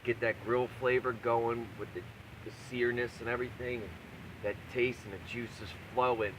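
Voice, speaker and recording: A man's voice: mid-range voice, level tone, normal speed, noisy background. A man talking casually and profanely like a video blogger, brash and crude, hammering points home by repeating himself. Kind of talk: profane, casual rambling rant to camera.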